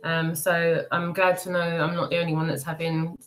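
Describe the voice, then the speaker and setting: A livestream host with a fairly low, slightly bright voice speaks at normal speed with little pitch movement. She sounds ill, congested and bunged up with a cold and cough, chatting to viewers in a hesitant, apologetic, rambling way. The livestream audio is clearly noisy.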